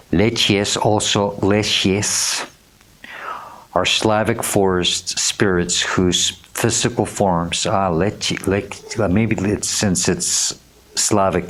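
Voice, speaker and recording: A man with a very low voice gives a tarot reading to camera. He talks slowly and gently, reading card meanings aloud and tripping over unfamiliar names. He keeps checking in with his listeners. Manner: gentle and earnest, often checking in with "okay?". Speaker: tarot reader.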